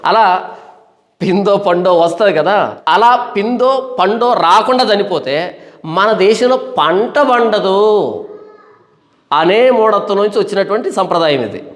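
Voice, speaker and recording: A male pastor teaching a Bible study sermon, asking rhetorical questions and slowing down to stress key points. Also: high voice, expressive, big-room sound.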